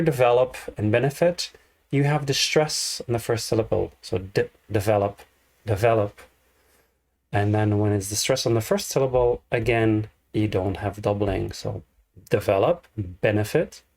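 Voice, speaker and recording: A man teaching an English grammar lesson, explaining slowly and repeating each example. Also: mid-range voice, a little mellow.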